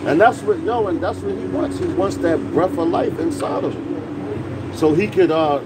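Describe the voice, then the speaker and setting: A man in his forties preaches outdoors on a city street at night, his voice sitting a little high for a man. He talks loosely and conversationally, tossing in "man" and "you know" between scripture points. Clear traffic and street noise run behind him. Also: normal speed. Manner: casual, repetitive fillers like "man" and "you know". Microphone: camera phone close up.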